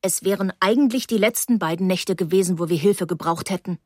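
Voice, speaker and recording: A woman voicing a calm, sensible young man in a storybook reading, speaking firmly. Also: fairly low pitch, a little fast, no echo, studio quality, close to an everyday voice. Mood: practical.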